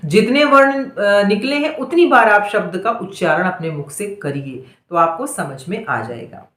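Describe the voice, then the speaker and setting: A woman teaches a dictation lesson at a very slow, deliberate pace. She sounds out single letters and repeats each word over and over with patient care, and her voice rings in an echoey room. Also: mid-range voice, animated, a bit bright.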